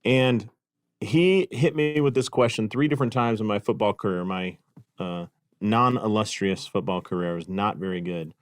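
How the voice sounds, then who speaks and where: A man's voice: on the low side, normal speed, no room sound, studio quality. A middle-aged man hosting a podcast, telling a casual story with self-deprecating humor and frequent fillers. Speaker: podcast host and clinic consultant. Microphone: podcast microphone.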